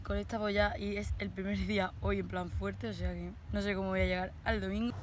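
A woman's voice: mid-range voice, flat delivery, a little fast, slight background noise. A young woman with an accent from Spain chatting casually and informally to camera in a vlog, using plenty of slang. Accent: Spanish from Spain. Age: young adult. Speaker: vlogger. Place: car and outdoor festival campsite. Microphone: phone or camera at arm's length.

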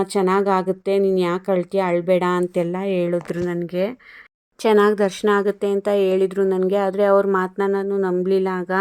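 A woman hosting her own channel, telling a personal story in a calm, even way with many small filler sounds. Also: medium pitch, smooth. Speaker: channel host.

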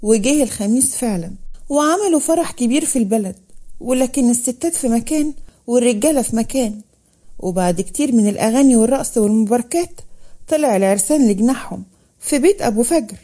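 Mellow-voiced Egyptian woman storyteller. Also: on the high side, fast. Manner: steady, plain storytelling. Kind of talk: scripted story narration.

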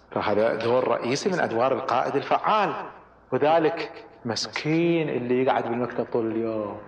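A middle-aged man lectures on leadership at a quick clip. He speaks in a high voice and pushes his listeners with sudden emphatic rises. The recording is dull and echoey, as if made in a lecture hall. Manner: animated, exhorting the audience with sudden rises. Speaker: leadership trainer.

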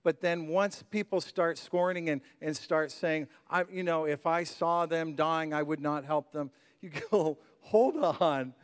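A middle-aged pastor prays and preaches from a church stage in a large room, later chatting on stage, speaking into a handheld mic. His voice is slightly high and clean, unhurried with few pauses. Earnest, he repeats words to press a point and rises to fervent emphasis.

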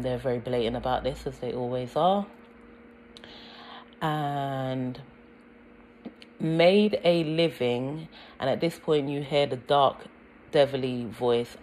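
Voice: medium pitch, a little mellow, a little hiss or hum, poor audio. A speaker with a British accent giving earnest, insistent commentary over a music video, with frequent ums and repeated words.

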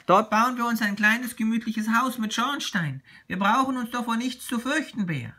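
A man voicing a small, excitable young male tiger in a read-aloud children's story, speaking in a high, eager voice. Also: normal speed, full character voice.

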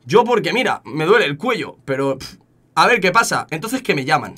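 A young man with an accent from Spain, telling a story casually to his chat, animated and often repeating words. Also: fairly high pitch, a little fast. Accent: Spain Spanish. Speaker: streamer.

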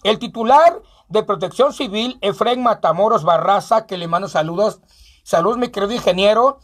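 A man's voice: high voice, moderate pace. A man with a Mexican Spanish accent, hosting a comic local show as a clown, joking and reading out ads and phone numbers. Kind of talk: comic radio-style show with ads and news.

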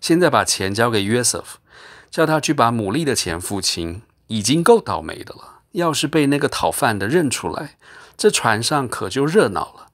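A man's voice: mid-range voice, sing-song, normal speed, a bit bright. A man voicing a harsh, thrifty middle-aged mother who scolds sharply in an audiobook reading. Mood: angry.

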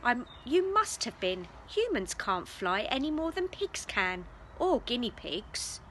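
Woman voicing a squeaky greedy guinea pig. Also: big pitch swings, unhurried, slight background noise. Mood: dismissive.

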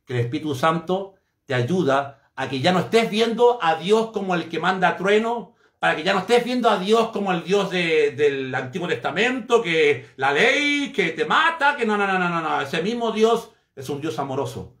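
A man's voice: sits high, big pitch swings, normal speed, a bit bright, echoey room. A man preaching a sermon fervently and emphatically, repeating phrases for effect.

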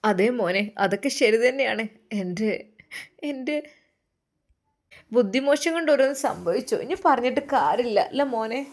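A woman voicing a tender grandmother who gently comforts her daughter. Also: on the high side, expressive, normal speed, pauses often. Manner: soft, motherly, coaxing.

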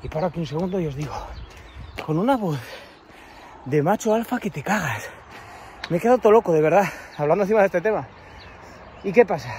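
A man's voice: sits high, lively intonation, a little fast, long pauses, a little mellow, slight background noise. Breathless, sarcastic Spanish man ranting outdoors. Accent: Peninsular Spanish. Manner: sarcastic, rambling, crude. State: out of breath from climbing. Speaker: vlogger. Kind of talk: walking vlog rant to camera. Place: outdoors on a steep rural path.

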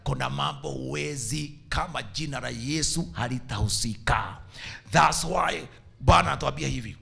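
A man preaching a sermon as a bishop, animated and mixing Swahili with English. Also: medium pitch, normal speed, gravelly.

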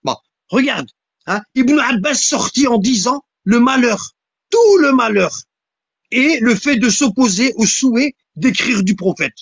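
Husky preachy voice going off in a polemic rant, keeps asking "hein?", dry dull recording. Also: medium pitch, lively intonation, unhurried, dry recording. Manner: insistent, repeats "hein?" and "tu vois?"; emphatic, repeats lines for stress. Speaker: religious polemicist. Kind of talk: heated religious polemic talk.

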